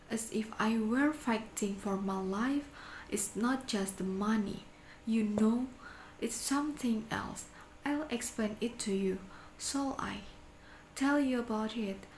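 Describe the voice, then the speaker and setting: Cold, insistent blackmailing clerk for a stage drama, played by a woman; deliberate, unhurried, menacing, with faint noise behind. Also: fairly high pitch, a little mellow. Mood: earnest, self-justifying. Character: cold, insistent male bank clerk turned blackmailing moneylender. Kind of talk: amateur dramatic reading of a stage play. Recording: echoey room with faint background noise.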